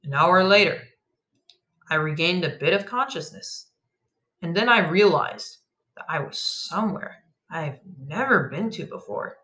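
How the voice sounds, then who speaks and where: Bright-voiced dramatic storyteller. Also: medium pitch, a little slow. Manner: emphatic, shifts from flat telling to loud outbursts. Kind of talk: dramatic first-person story narration.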